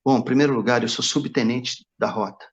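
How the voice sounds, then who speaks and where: A man's voice: medium pitch, fairly even intonation, fairly quick. A man, a pastor, telling a personal testimony story and quoting the dialogue of others in his own voice. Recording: dull lo-fi recording.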